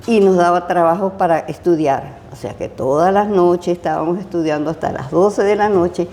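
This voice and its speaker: An older woman with a Venezuelan accent speaks in a mellow, slightly low voice. She recalls her teaching years in an unhurried interview, pausing often and restarting her sentences. Faint noise sits behind her. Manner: hesitant, many fillers and restarts. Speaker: retired chemistry professor. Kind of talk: interview, casual recollection.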